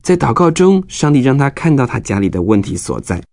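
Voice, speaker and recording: A man's voice: mid-range voice, very animated, fairly quick, gravelly, darkish tone, dry recording, studio quality. A man narrating a scripted Bible story for children, explaining things as if to young listeners.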